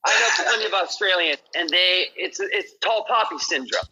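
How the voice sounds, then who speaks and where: A man's voice: sits high, normal speed, pushed and bright, slight background noise, low-quality recording. A man in casual, slangy banter on a gaming stream, talking things up like a hype man.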